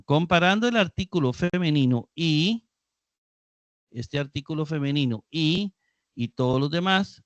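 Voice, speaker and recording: A man's voice: on the high side, no room sound. A man teaching a live Greek class, explaining patiently and repeating key terms. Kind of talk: live online class lecture.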